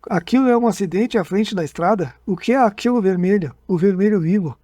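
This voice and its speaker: A man reading the part of a frightened man who relives an abduction under hypnosis, halting and repeating his words. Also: high-pitched, dark tone, no echo, clean studio sound. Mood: dazed.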